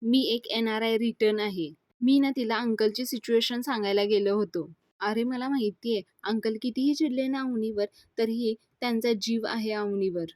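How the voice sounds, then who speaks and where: A woman's voice: on the high side, fairly even intonation, moderate pace, darkish tone, dry recording, studio quality, lightly acted. A woman voicing a scheming young man who fakes hurt feelings, in a sly, wheedling way.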